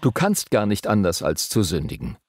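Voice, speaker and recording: A man's voice: fairly low pitch, huge pitch swings, normal speed, darkish tone, no room sound, clean studio sound. A man preaching a sermon, emphatic and full of rhetorical questions to his listeners.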